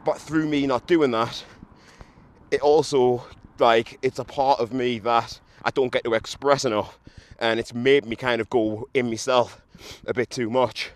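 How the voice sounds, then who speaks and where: Steady and medium-pitched, a young man's voice keeps a measured pace with no echo as he walks down a street. The podcaster is hungover and still tipsy after a run, talking casually to camera with blunt swearing and self-mockery. Traffic noise comes through on the handheld mic and camera.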